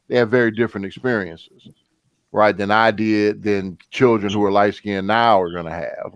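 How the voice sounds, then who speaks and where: A man in his fifties joking and laughing loudly in a casual group chat. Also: lowish voice, clear, resonant tone, dry recording, dull audio. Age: 50s. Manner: joking, loud sudden laughs.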